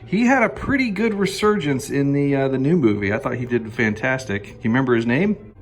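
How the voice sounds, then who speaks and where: A man vlogging a walk through an indoor wax museum, chatting with his viewers and quizzing them with questions, often pausing with fillers and restarts. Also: mid-range voice, lively intonation. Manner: hesitant, frequent fillers and restarts. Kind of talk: casual walk-through commentary.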